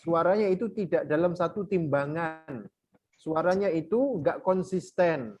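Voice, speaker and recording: A man teaching Quran recitation rules in a workshop, explaining and then chanting verses slowly while counting beats aloud. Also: on the high side, darkish tone. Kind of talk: online workshop lesson with recited examples.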